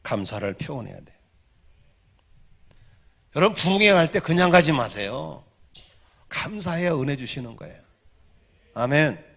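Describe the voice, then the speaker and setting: A pastor in his sixties delivers a Sunday sermon in a gravelly, somewhat high-pitched voice. He is emphatic and drops to hushed asides, then climbs to loud, rousing exhortation. He leads the congregation in call-and-response. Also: expressive, moderate pace, pauses often. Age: 60s. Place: church sanctuary.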